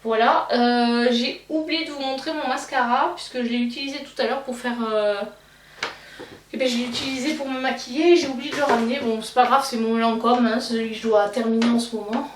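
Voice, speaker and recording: A woman's voice: fairly high pitch, steady tone, fairly quick. Young Belgian woman, casual beauty chat, hesitant, distant roomy sound, light background hiss. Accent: Belgian French. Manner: hesitant, many fillers and restarts. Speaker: beauty vlogger. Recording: roomy, slightly distant mic, faint noise.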